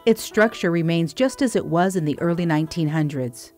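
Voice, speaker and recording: Female documentary narrator, measured and calm, lowish voice over light music. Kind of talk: scripted narration. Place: studio voice-over.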